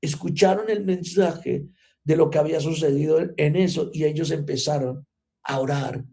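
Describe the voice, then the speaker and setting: A man's voice: fairly high pitch, steady tone, normal speed, vocal fry, warm tone. A man teaching a church class, often checking in with his listeners through rhetorical questions. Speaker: Bible teacher.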